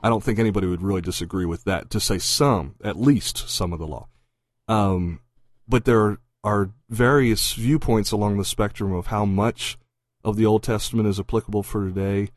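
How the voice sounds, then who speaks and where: A man in his forties with a mild Southern accent, co-hosting a podcast in a relaxed, chatty way, thinking out loud with frequent ums and easy laughs. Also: fairly low pitch, moderate pace, no room sound. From Pennsylvania. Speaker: podcast co-host. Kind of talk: casual chat.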